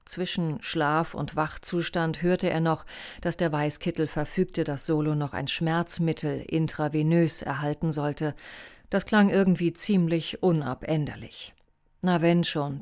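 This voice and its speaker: A woman narrating a novel as an audiobook in an even, measured reading. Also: low-pitched.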